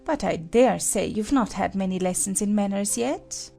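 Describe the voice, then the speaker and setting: A woman's voice: medium pitch, expressive, normal speed, vocal fry, dark tone, soft background music. A woman playing a stern, bossy, haughty queen who lectures sharply in a storybook drama. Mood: imperious.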